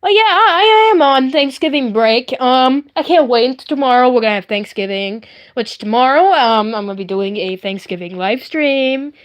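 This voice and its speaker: A woman hosts a casual, chatty livestream, showing off her handmade puppets and rambling in a playful, silly way. Her high-pitched voice has lively intonation, moving at normal speed with few pauses.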